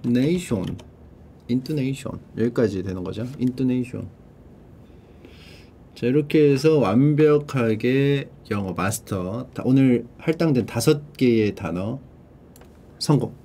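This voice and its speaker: A man's voice: mid-range voice, animated, unhurried, mellow, slightly rough. Playful man drawling out English words. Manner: mutters and swears under his breath. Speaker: streamer. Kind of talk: casual livestream vocabulary study.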